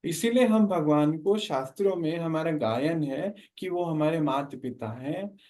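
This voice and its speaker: A man's voice: fairly high pitch, a little slow, warm tone. A man teaching a spiritual class, explaining and often asking his listeners questions.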